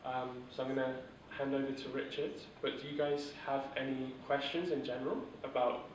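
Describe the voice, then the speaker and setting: This workshop instructor talks through startup principles at a moderate pace in a mid-range voice, keeping his informal delivery monotone and steady and peppered with fillers. The sound comes from a distance in a large, echoing room, with a little hiss or hum.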